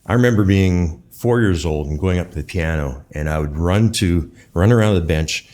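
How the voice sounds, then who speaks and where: A man answering as a guest expert in an interview, explaining conversationally in a thoughtful, halting way with pauses. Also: low-pitched, darkish tone. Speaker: guest expert, bass maker.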